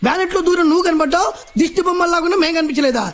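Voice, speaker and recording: An actor playing a whiny, complaining comic sidekick in a film. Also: male voice, extremely high pitch, racing, fairly bright tone. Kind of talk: film dialogue. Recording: film soundtrack with music.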